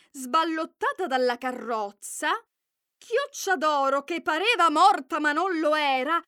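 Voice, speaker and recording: Bright, high-voiced woman storyteller. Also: dry recording, clean studio sound. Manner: expressive, varied storytelling with voiced characters. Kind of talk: reading a fairy tale aloud.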